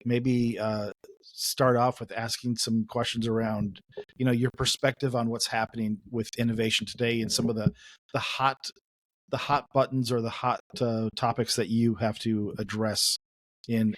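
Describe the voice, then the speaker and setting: A male podcast co-host with an upbeat, rambling delivery full of "uh"s and restarts. His voice sits at an ordinary middle pitch, and the recording is dry and close with no room sound around it. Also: fairly even intonation, normal speed, no room sound. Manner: upbeat, rambling with many fillers. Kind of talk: casual interview chat. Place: United States.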